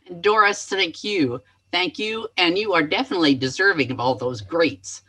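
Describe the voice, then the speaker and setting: A host of an awards event speaks with a bright, sharp tone. They praise an honoree in a measured way. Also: mid-range voice, poor audio.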